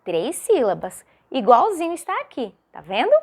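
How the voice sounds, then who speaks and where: A woman's voice: sits high, huge pitch swings, slightly rough. A woman primary school teacher with a Brazilian Portuguese accent, giving a recorded video lesson for young children and drawing out syllables in a sing-song way. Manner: slow, sing-song, drawn-out syllables with many rhetorical questions.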